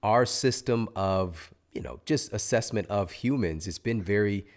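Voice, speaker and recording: A man's voice: fairly low pitch, unhurried. A man hosting a podcast interview, thoughtful and searching for his words as he reflects. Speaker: podcast host. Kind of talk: casual interview chat.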